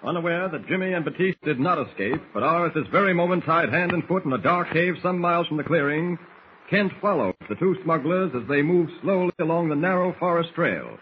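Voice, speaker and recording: A man's voice: a little high, expressive, a little fast. A man narrating an old radio adventure serial in a dramatic, formal announcer's style. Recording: muffled, hissy old radio recording.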